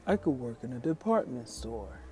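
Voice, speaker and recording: A woman's voice: big pitch swings, warm tone. A woman voicing a big, weary, kind male polar bear Santa in a storybook. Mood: wistful. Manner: slow, put-on deep storybook voice. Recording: music behind the voice.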